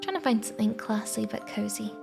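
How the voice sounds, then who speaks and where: A woman streamer chatting casually in a sleepy, soft, meandering way. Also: a little high, expressive, fairly quick, gravelly. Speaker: live streamer. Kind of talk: casual rambling livestream chat. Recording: soft background music. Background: quiet background music.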